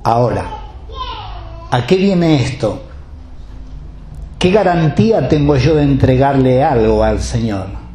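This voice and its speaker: A man's voice: medium pitch, expressive, slow, pauses often, mellow, roomy sound, slight background noise. A man with a Rioplatense Spanish accent, preaching a sermon as pastor, talking conversationally and putting direct questions to his congregation.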